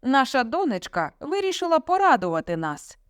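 A woman's voice: a little high, expressive, normal speed, dry recording, pitched above the performer's own voice, close to an everyday voice. Brief: woman doing an angry, sarcastic storybook father, raised and strained, dry close sound. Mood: scornful. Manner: shouting, sarcastic, commanding. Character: stern domineering middle-aged father, furious.

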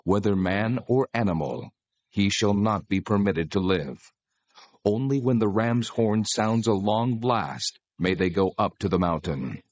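Husky, solemn God laying down law. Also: male voice, lowish voice, lively intonation, no room sound, highs cut off. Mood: solemn, commanding. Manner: measured, solemn, authoritative. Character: God, solemn commanding divine lawgiver. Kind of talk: dramatized scripture acting.

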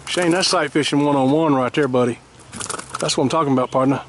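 A man working as a fishing guide, coaching and cheering his clients from the boat in an excited, repetitive way. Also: a little high, fast. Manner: enthusiastic, cheering, repeats praise. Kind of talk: excited on-the-water coaching commentary. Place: outdoors on a small fishing boat in a canal. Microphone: action camera mounted on the boat. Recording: outdoor wind and water noise.

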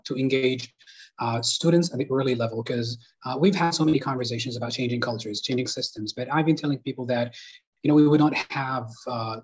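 Young sudanese guy on a video call, hesitant with lots of ums, monotone. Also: mid-range voice, husky. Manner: hesitant, many fillers and restarts. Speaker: panelist and moderator. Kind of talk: conference panel talk. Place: living room at home. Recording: dull lo-fi video call audio.

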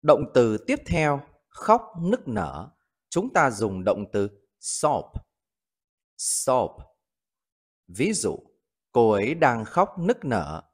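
A man hosts an English vocabulary lesson, speaking slowly and clearly. His pitch rises and falls widely as he stresses each new word. He repeats the example sentences carefully for learners. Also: huge pitch swings. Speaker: English teacher.

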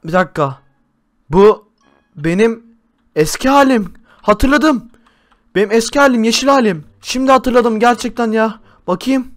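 A young man hosting a Minecraft role-play, talking to viewers and often shouting excitedly. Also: extremely high pitch, moderate pace. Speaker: YouTuber host.

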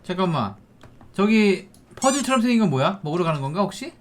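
A gaming host playing along with children, giving excited, exclamatory game commentary and saying each fear and next move aloud. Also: medium pitch, a little fast, a little hiss or hum. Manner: exclamatory, narrates own fear and next moves.

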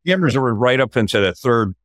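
An older podcast host tells a story in casual conversation over a video call from his home office, and his voice rises as he gets excited. His pitch is medium and he talks fast. The audio is studio quality with no room sound.

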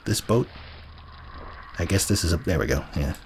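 A man's voice: low voice, lively intonation, moderate pace, slight background noise. An American man in his thirties, hosting a casual let's-play, rambling, correcting himself and chuckling as he plays. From United States. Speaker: gaming channel host.

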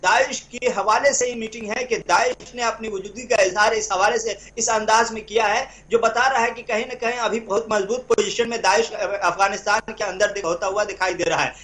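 High-voiced halting young male correspondent. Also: a bit bright. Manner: halting, repeats and restarts words. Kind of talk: live news analysis. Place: remote live link.

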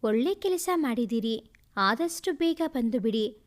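A woman's voice: fairly high pitch, animated, slow. A woman voicing a playful, teasing young husband.

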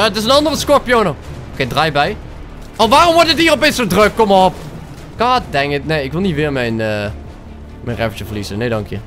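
A young man with a Dutch accent, commentating his own gameplay, excitable, swearing and dropping English slang into his talk. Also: medium pitch. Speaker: gaming YouTuber.

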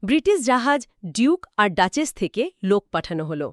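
A woman co-hosts a scripted history talk, her voice smooth and resonant and a little high. She is recorded close and dry. She fills in story details and answers her partner with short agreements. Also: sing-song, a little fast, no room sound. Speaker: co-host. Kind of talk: scripted two-host history chat.

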